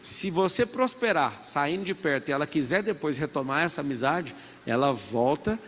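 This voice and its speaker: A man's voice: fairly high pitch, expressive, normal speed, a bit bright. A man in his thirties with a Brazilian Portuguese accent giving an emphatic motivational talk to a live audience in a large event hall. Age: 30s. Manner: emphatic, preachy, has the crowd repeat after him. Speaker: motivational speaker. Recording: reverberant event hall with faint background noise.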